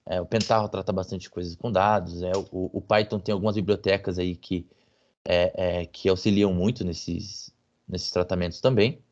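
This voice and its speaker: A guest speaker with a lowish, darkish voice gives a hesitant technical talk on business intelligence over a video call, relying on fillers and tag questions. The sound is muffled and lo-fi with a little hiss or hum.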